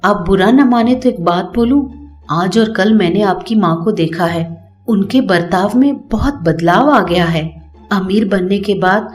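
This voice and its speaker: A woman voicing a kind, clever young daughter-in-law who speaks gently and coaxingly. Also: mid-range voice, a little slow, soft background music, close to an everyday voice. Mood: gentle.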